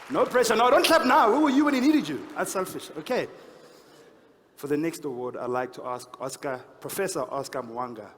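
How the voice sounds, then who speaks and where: This awards host has a lisp too, and his voice sits on the high side, animated, at a normal pace with frequent pauses. He plays to the crowd with casual, teasing stage banter while chatter and noise echo through the big hall.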